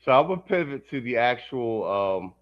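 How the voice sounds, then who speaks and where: Lo-fi panel host, relaxed. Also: male voice, mid-range voice, brisk. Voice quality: loose, conversational. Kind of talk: casual chat. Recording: dull lo-fi audio.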